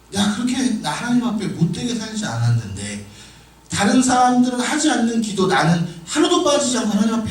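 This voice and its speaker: High-voiced preacher in an echoey hall. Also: male voice, distant mic, a little hiss or hum. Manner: builds from quiet storytelling to shouted emphasis. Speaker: pastor. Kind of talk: sermon with personal testimony. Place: church sanctuary.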